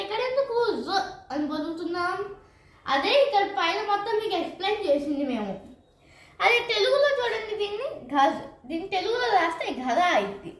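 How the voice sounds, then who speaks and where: A woman teaching patiently and slowly, repeating each point and quizzing the viewer with questions. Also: very high voice, a bit bright. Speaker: Hindi teacher. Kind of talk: slow step-by-step teaching. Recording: roomy, distant from mic, faint noise.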